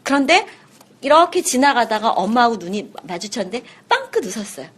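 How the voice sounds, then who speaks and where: A woman lecturer giving a lively seminar talk, asking the audience questions and acting out little scenes. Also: fairly high pitch, fairly quick, husky. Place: seminar room.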